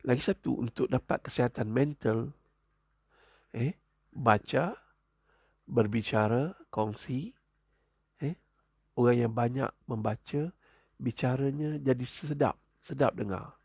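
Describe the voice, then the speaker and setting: A man's voice: mid-range voice, takes it slowly, gravelly, pauses often, slightly rough, no room sound, studio quality. A male preacher gives a humorous religious talk, joking and chuckling between his points. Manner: joking, chuckles often, animated asides.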